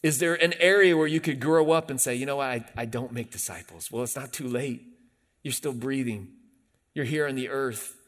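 A man's voice: mid-range voice, normal speed, a bit bright. A man in his late forties, a pastor delivering a conversational sermon that rises into emphatic bursts. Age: 40s.

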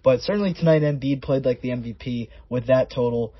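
A man's voice: mid-range voice, fairly quick, slightly rough. Muffled, underwater-sounding man hosting a sports podcast. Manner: conversational, stat-by-stat recapping. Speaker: podcast host. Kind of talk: solo sports podcast commentary.

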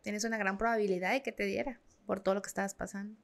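A woman's voice: mid-range voice, flat delivery, fast talker, creaky. A woman hosting a podcast interview, recapping and asking empathetic questions. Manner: empathetic, asks gentle questions. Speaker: host. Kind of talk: casual interview chat.

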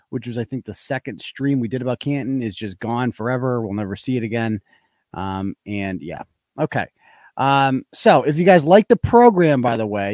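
A man's voice: mid-range voice, a little mellow, no echo. A man hosting a casual livestream, talking in a blunt, slangy, rambling way with some swearing. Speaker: livestream host and blogger.

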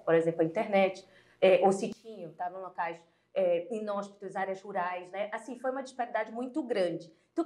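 A woman's voice: mid-range voice, warm tone, far from the mic. A woman co-host talks in an effusive way, stringing her questions together with many fillers. She sits back from the mic, and the room adds a noticeable echo. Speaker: podcast co-host. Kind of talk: casual interview. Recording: echoey room away from the mic.

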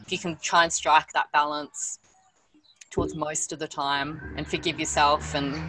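A woman's voice: deep voice, little pitch movement, moderate pace, over music, poor audio. A woman hosting a casual conversational interview, musing informally and thinking aloud as she goes. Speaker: interview host. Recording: faint background noise and clicks.

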